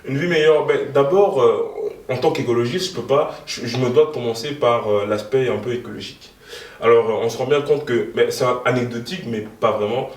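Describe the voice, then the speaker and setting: A young man in his twenties, co-president of a youth party, answers interview questions in a brisk, mid-range voice, though hesitantly and with many fillers. He moved to Belgium in 2013, and he is recorded from far off in an echoey room.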